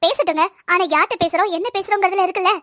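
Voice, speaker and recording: A woman's voice: very high-pitched, very fast, pushed and bright, no echo. A woman voicing a young working wife in a cartoon, reproachful and pointed with her husband. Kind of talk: cartoon voice acting.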